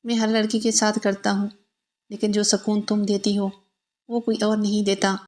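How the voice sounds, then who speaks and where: A woman voicing a pushy, leering middle-aged uncle in a flat, even reading. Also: medium pitch, close to an everyday voice. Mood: mocking.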